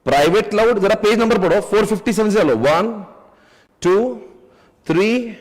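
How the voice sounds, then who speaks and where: A man giving an energetic exam-prep lecture, coaxing students to chant key terms with him, mixing English into his talk. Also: high-pitched, a little slow, in a large hall. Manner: animated, coaxes students to chant along and shouts keywords; mixes English into Hindi, jokes with listeners.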